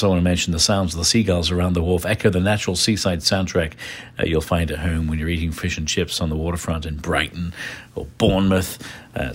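A man with an English accent and a very low voice talks through his picks at an easy pace, stopping often for filler uhs. He sounds loose and unscripted. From England. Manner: rambling, many filler uhs. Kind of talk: casual recommendations list.

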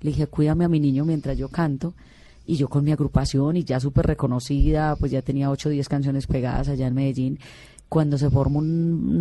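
Dark-voiced woman telling her story. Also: low-pitched, dry recording. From Colombia. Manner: earnest, emotional storytelling with many restarts. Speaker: guest singer. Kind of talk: casual interview, telling stories.

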